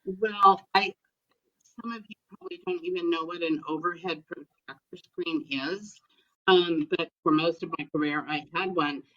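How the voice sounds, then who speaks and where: Lower-voiced woman, emphatic storyteller. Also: steady tone, normal speed, fairly bright tone, lo-fi sound. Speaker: guest instructional specialist. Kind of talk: podcast interview.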